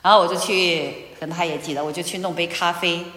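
A woman giving a personal testimony in church, telling her story with animated storytelling and acted-out dialogue. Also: fairly low pitch, fast talker. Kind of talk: sermon testimony. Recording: echoey hall.

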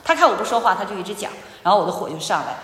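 A woman giving a personal testimony in church, telling her story with animated storytelling and acted-out dialogue. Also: mid-range voice, racing. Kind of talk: sermon testimony. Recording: echoey hall.

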